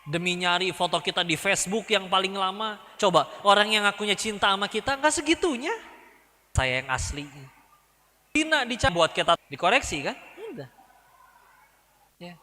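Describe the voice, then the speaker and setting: High, bright-voiced joking preacher in a hall. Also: male voice, animated, normal speed. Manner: jokey, acts out quoted voices, addresses the crowd directly. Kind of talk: humorous sermon to a live audience. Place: large mosque gathering. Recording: reverberant hall sound system.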